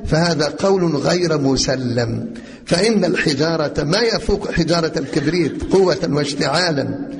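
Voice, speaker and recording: A man with an Egyptian Arabic accent gives a religious lesson on Quran commentary and quizzes his listeners with rhetorical questions. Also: high voice. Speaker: religious teacher. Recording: long reverb, faint noise.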